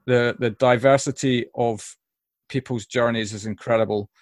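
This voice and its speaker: A man hosting a podcast, asking questions in a casual, halting way with repeated words. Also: medium pitch, fairly even intonation. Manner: hesitant, repeats words as he starts sentences. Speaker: podcast host. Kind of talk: casual interview.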